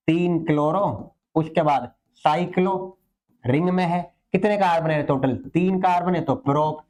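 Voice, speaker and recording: High-voiced chemistry teacher coaxing students. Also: male voice, darkish tone. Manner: coaxing, asks questions then answers himself. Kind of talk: online exam-prep lecture.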